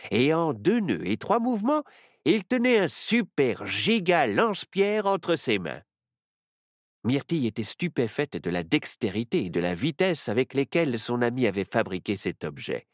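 Playful expressive male storyteller. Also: medium pitch, no echo, clean studio sound. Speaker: narrator. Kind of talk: children's story narration.

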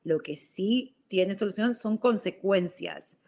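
A middle-aged woman with a Rioplatense Spanish accent talks casually to her live viewers about personal growth. She speaks in loose, chatty runs, breaking off and restarting her thoughts. She keeps checking in with a quick "ok?" after her points. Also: medium pitch, gravelly, darkish tone. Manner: chatty, frequent "ok?" tags. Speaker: live stream host. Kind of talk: casual talk on self-growth.

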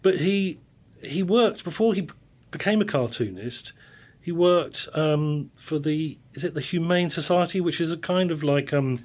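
A man's voice: fairly high pitch, moderate pace, darkish tone. A man with a British accent talking casually in a cultural discussion.

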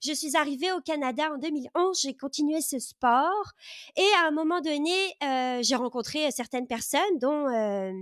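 A woman's voice: high voice, moderate pace, a bit bright, no echo, studio quality. A woman in her thirties, a podcast host, telling her personal story in a casual, enthusiastic way with many hesitations and restarts. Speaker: podcast host, guest of this episode.

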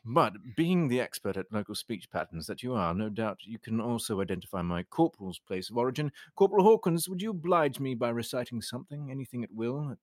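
A man playing a coldly polite, menacing army captain in a modern British RP accent, formal, measured and sardonic, in a period drama read-through. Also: medium pitch, big pitch swings, dry recording, studio quality, pitched above the performer's own voice. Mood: coolly probing.

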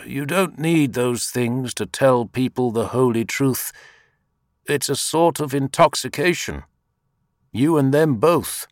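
A man's voice: medium pitch, takes it slowly, dry recording, clean studio sound, pitched above the performer's own voice, close to an everyday voice. A man voicing a poor, humble old spiritual teacher who reproves plainly. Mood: reproving.

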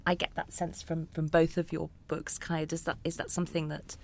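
A woman's voice: low-pitched, level tone, moderate pace, vocal fry. A woman hosting a panel discussion, asking probing questions and searching for words. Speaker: host.

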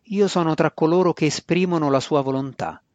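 A man reading an audiobook, voicing a stern, proud dark elf high priestess who speaks with cold, scornful authority. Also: normal speed, dry recording, muffled recording, natural voice. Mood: commanding.

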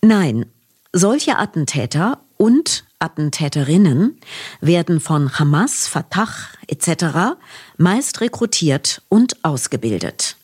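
A woman co-hosting a news podcast, reading a script in a measured, explanatory way. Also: sits low, very animated, a little mellow, breathy edge. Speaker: podcast co-host.

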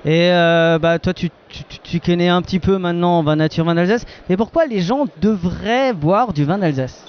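A man hosting a roving interview at an outdoor wine festival, teasing and joking with guests, halting with many fillers. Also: high voice, clean tone. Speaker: festival podcast host. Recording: muffled lo-fi recording.

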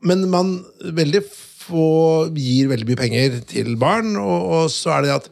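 A man's voice: a little high, animated, gravelly. A man hosting a podcast, talking casually and hesitantly with many restarts. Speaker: podcast host. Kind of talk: casual interview chat. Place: studio in a city.

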